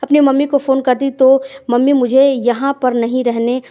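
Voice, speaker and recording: A woman's voice: high-pitched, level tone, moderate pace, highs cut off. Woman telling a sad personal story. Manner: plain conversational telling with emotional weight. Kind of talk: first-person story narration.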